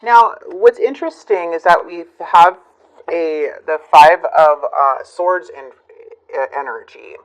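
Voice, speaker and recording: A woman reading tarot cards for her channel, talking reflectively with many fillers and pauses. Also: on the low side, low-quality recording. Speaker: tarot reader.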